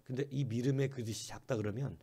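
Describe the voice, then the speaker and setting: Male pastor, sermon delivery, mellow husky tone, talks with the congregation, shifts from whispers to loud bursts. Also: medium pitch, quick pace. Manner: conversational preaching, often asking the congregation questions; acts out quoted voices, from soft whispers to sudden loud bursts.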